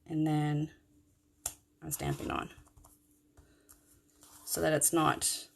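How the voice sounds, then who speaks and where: A woman's voice: low voice, big pitch swings, takes it slowly, creaky, a little hiss or hum. A woman chatting through a card-making tutorial in a rambling, self-correcting way, with the hiccups. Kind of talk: casual craft tutorial.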